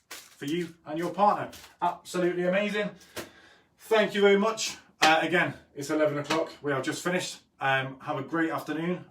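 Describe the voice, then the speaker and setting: A man's voice: mid-range voice, a bit bright. A man chatting casually as he hosts a live drawing lesson, easygoing in manner, pronouncing his r sounds like w. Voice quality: says w for r. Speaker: host of an online drawing lesson. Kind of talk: casual live-stream chat while drawing. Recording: roomy echo, distant mic, faint noise.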